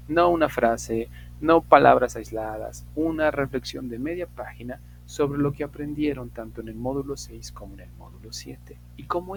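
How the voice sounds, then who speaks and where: A man's voice: mid-range voice, a little mellow, slight background noise, rough recording. A man teaching an English class in a recorded lecture, explaining patiently and repeating key points. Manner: explanatory, repeats key points, models example sentences aloud.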